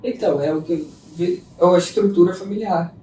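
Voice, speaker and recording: A man's voice: high voice, brisk, mellow. A man hosting a podcast interview with brief affirming interjections. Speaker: podcast host. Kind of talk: casual interview chat. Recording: echoey room, distant mic, faint noise.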